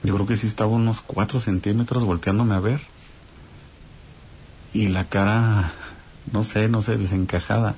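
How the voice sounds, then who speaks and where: This is a casual ghost story: a man with a Mexican accent shares a spooky thing that happened to him, addressing listeners directly and often asking "¿no?" to confirm they follow. His low voice stays fairly even at a moderate pace, with frequent pauses. The audio is dull, and there's slight background noise.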